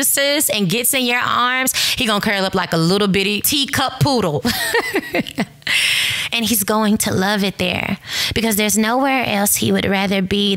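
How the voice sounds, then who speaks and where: Bright, gravelly-voiced woman preaching on a podcast. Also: medium pitch, no room sound. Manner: preachy, emphatic, addresses listeners as sis and baby; laughs and breaks into song snatches. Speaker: podcast host.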